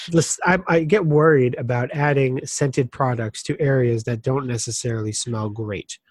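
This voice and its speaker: A man's voice: medium pitch, fairly even intonation, measured pace, no echo. A man co-hosting a casual podcast chat, making wry joking asides. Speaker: podcast co-host.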